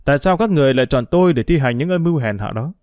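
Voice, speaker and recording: A man's voice: medium pitch, expressive, racing, darkish tone, no echo, studio quality, close to an everyday voice. A man reading a story aloud and voicing an angry, reproachful man who accuses a woman. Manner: harsh, reproachful.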